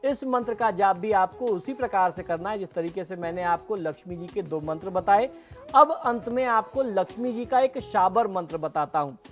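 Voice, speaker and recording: A middle-aged man with a fairly high voice talks through devotional mantras in a measured, explanatory way. He slows right down to chant them deliberately. Faint music plays behind him. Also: lively intonation. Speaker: astrologer guest on a TV program.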